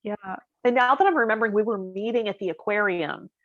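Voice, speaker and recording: A woman co-hosting a podcast chats casually, musing and giggling, often laughing as she talks. Her voice is mid-range and a little fast. The audio is dull, lo-fi and dry, with no room sound.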